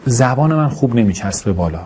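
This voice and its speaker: A man teaching an online course who speaks slowly and carefully, with imprecise articulation of some sounds and informal, self-deprecating asides. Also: mid-range voice, expressive, mellow, breathy edge. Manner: deliberately slow, careful speech. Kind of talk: course introduction lecture.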